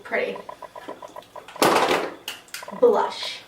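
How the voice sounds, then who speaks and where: A drunk woman giving a casual makeup tutorial, rambling in short fragments. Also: very slow. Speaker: makeup vlogger. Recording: roomy echo, distant mic, noisy.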